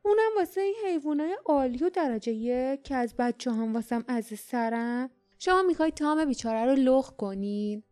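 A woman's voice: high voice, hardly any pauses, smooth, no room sound, close to an everyday voice. A woman voicing a greedy, wheedling male trader who haggles theatrically. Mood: indignant.

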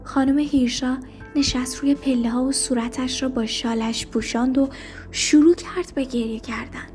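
A woman reading a story aloud in a soft, hushed narration. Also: high-pitched, steady tone, soft background music. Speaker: story reader.

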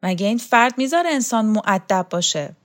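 A woman's voice: mid-range voice, lively intonation, voice pushed up, natural voice. A woman voicing a bossy older servant woman who mocks and barks orders at a girl in an audiobook. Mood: scolding. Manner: harsh, mocking, barking orders.

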